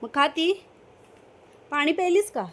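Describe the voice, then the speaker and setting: A woman's voice: sits high, lively intonation, a little slow. A woman vlogger casually talking to her small daughter, coaxing her with sing-song questions. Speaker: vlogger and mother. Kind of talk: casual talk to a toddler.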